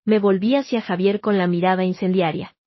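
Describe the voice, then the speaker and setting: A woman tells a first-person story in a measured, even voice of middle pitch. The recording is dry with no room sound and slightly dull, muffled in the highs. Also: no echo. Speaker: narrator.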